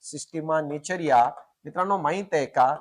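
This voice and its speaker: A man teaches a class in a fairly high voice. He fires rhetorical questions at his students and stretches out each technical term, repeating it slowly. He lightens the lesson with joking everyday examples. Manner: slows down and repeats technical terms syllable by syllable; casual, joking street examples. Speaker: science teacher for competitive exams. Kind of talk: classroom lecture.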